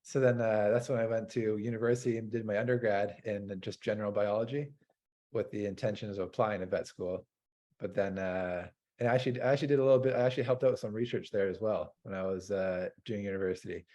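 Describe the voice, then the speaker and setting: A North American dairy farmer hosts a casual interview chat in a lowish, warm voice with fairly even intonation. He talks quickly but hesitantly, rambling and using lots of fillers.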